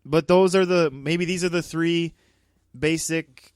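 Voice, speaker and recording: A man's voice: fairly high pitch, fairly even intonation, slow pace, smooth, no echo, studio quality. A man co-hosting a movie podcast, chatting casually and animatedly, often laughing as he talks. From Dakotas, United States. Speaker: podcast co-host. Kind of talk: casual chat.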